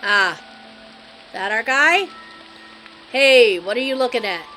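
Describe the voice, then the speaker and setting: A chatty woman streamer making wry asides while she plays. Her voice sits high and swoops around a lot. Faint music runs underneath. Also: animated, slow, pushed and bright. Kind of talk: live game commentary.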